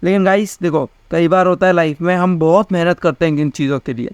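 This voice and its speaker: A man's voice: on the high side, steady tone, fairly quick, darkish tone, clear, resonant tone, no echo, studio quality. A young man teaching a physics class in a casual, chatty way, often asking his students questions. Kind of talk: casual Hindi class lecture.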